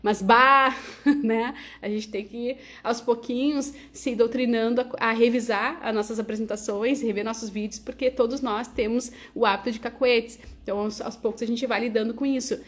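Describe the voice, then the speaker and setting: A woman from coaches an audience on public speaking in a livestream, her voice sitting somewhat high. She talks in a lively, conversational way, constantly checking in with quick tags like "né" and "tá". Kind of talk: livestreamed teaching talk.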